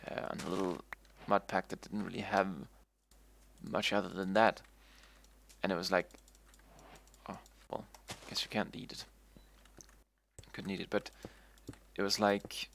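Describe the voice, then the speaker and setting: Low gravelly male streamer. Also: fairly bright tone, slight background noise. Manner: rambling, repeats and restarts himself. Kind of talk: casual gameplay commentary.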